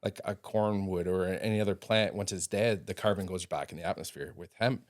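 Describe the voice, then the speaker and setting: A man who owns a bakery, a podcast guest, telling stories in a relaxed, rambling way. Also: low-pitched, fairly quick. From Ontario, Canada. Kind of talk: casual chat.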